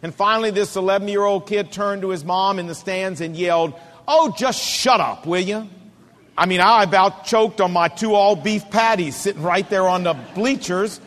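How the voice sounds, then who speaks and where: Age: middle-aged. Sex: man. Role: preacher. Style: sermon, emphatic and repetitive, slowing for stress. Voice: high for a man. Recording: long hall reverb. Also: steady tone, fairly bright tone. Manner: emphatic, repetitive cadence, slows down to stress points.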